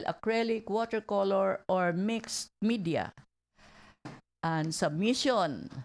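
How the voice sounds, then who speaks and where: Lady radio host reading out announcements, real slow, kinda gravelly, trips on words. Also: mid-range voice. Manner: reads slowly and stumbles over words.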